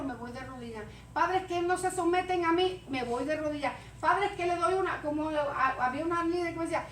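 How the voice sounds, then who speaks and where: A woman delivers a sermon in a very high, bright-edged voice, acting out stammers and little scenes. She sounds distant from the mic, with church echo and a faint hiss behind her. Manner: animated, acts out stammering and scenes. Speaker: preacher. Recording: echoey church room, mic far off, faint noise.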